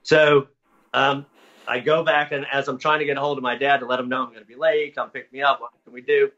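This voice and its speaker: A man's voice: medium pitch, little pitch movement, brisk, sharp tone. A man in a casual interview, telling a long story in a rambling, self-correcting way. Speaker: guest recounting experiences. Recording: dull lo-fi audio.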